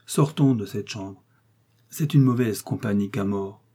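A man voicing a grave, stern noble musketeer who speaks in firm, measured tones. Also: on the low side, mellow.

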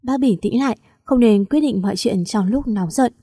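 A woman reading the part of a calm young man who speaks in a reassuring way. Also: a little high, moderate pace, slightly rough, dry recording, clean studio sound.

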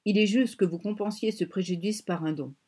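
A woman reading an audiobook voices a proud, domineering male strongman, curt and scornful, sometimes dropping to a breathless hush. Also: high voice, fairly quick, slightly rough. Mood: threatening.

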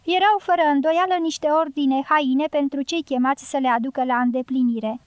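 High-voiced woman reading an audiobook. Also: fairly even intonation, dry recording, dull audio. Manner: measured, literary reading. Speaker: audiobook narrator. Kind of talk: scripted audiobook narration.

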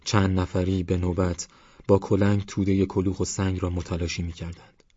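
Male audiobook narrator, calm and even. Low, husky voice, little pitch movement, dry and slightly dull recording. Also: no room sound. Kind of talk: scripted novel narration.

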